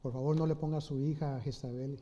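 A man preaching an informal sermon, retelling a Bible story in a halting way with many restarts and rhetorical questions. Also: mid-range voice, steady tone, mellow. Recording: slightly dull lo-fi audio.

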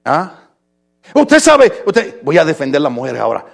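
A middle-aged male pastor with a high voice that turns gravelly. He preaches in a joking, conversational way, teasing the congregation and now and then shouting a line. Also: huge pitch swings, normal speed. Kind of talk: humorous sermon.

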